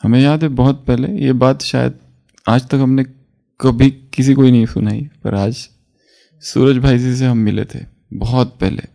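A man's voice: mid-range voice, steady tone, unhurried, gravelly, dark tone. A man giving a spiritual class talk as a teacher, asking his listeners questions and answering them himself, chuckling often while he explains.

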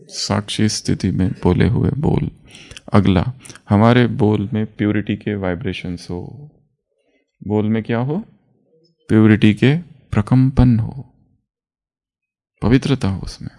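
A man's voice: lowish voice, slow, pauses often, dark tone. A man giving a spiritual class talk as a teacher, asking his listeners questions and answering them himself, chuckling often while he explains.

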